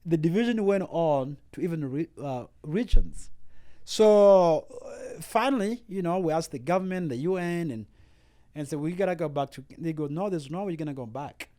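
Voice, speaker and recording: A man around forty from Uganda, born to a Rwandan refugee family, speaks with an East African accent in a fairly high, mellow, animated voice at a moderate pace. As a podcast guest, he emphatically shares his personal story in an interview.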